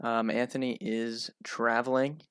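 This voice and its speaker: A male host with a nasal voice, talking through a casual solo analysis show in a chatty, relaxed way. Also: mid-range voice, unhurried, clear, resonant tone, dry recording.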